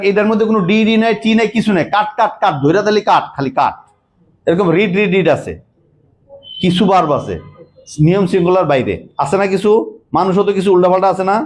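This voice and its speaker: A man teaching English grammar, repeating key words and quizzing the class with quick questions. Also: high voice. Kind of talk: classroom lecture.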